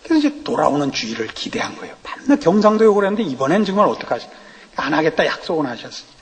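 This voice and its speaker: In a reverberant church sanctuary, a middle-aged pastor preaches an expository sermon, sharing humorous anecdotes and posing rhetorical questions to the congregation. His slightly rough voice is a little high, races along, and swings widely in pitch.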